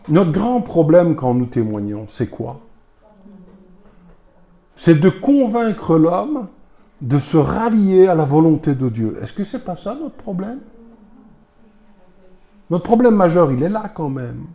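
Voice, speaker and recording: Speaking with a Belgian French accent, this man's voice is a little high and dark-toned. He is a pastor addressing his congregation, firing emphatic rhetorical questions at them.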